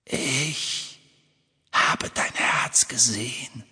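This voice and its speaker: A man voicing an evil, menacing voice hissing out of a locket, slow and taunting in a half-whisper. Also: medium pitch, bright, forceful tone, breathy edge, in a large hall, exaggerated voice.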